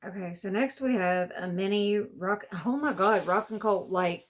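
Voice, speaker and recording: A woman's voice: medium pitch, moderate pace. A woman vlogger, chatting casually through an unboxing, exasperated and complaining as she goes. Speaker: beauty vlogger.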